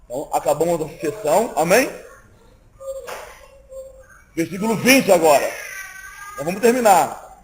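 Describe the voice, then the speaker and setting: A man preaching a sermon in a lively, conversational way, acting out small exchanges between people. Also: a little high, measured pace, pauses often, a little hiss or hum, poor audio. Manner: lively, conversational preaching that acts out little dialogues. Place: church meeting, indoors.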